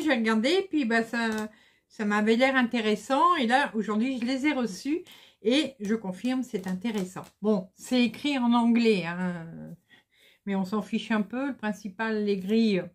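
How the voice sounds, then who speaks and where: A middle-aged woman chatting casually to her viewers about embroidery magazines, hesitant and full of fillers. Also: on the high side. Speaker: embroidery vlogger. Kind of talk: casual chat to camera.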